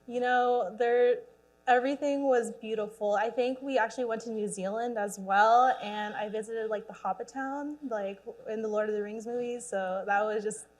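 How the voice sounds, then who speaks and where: Young woman, graduate student being interviewed, eager and talkative, slightly high voice. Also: steady tone, normal speed. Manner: enthusiastic and chatty, laughs often. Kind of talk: casual interview answers.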